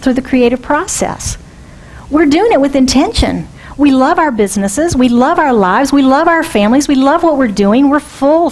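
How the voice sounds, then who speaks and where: Conversational woman minister, higher voice. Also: darkish tone, rough recording. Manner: conversational, asks the congregation questions. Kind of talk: sermon. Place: church sanctuary.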